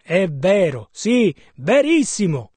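A man voices a translation of a sermon, rendering each passage in steady, measured phrases. His voice is very high. The recording is dry and close, with no room sound. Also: breathy edge, no echo. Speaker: sermon interpreter.

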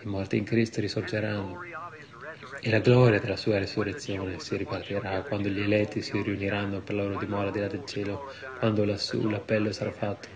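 A man's voice: on the low side, level tone, a little fast, crowd noise. A man preaching a fervent, impassioned sermon to a congregation.

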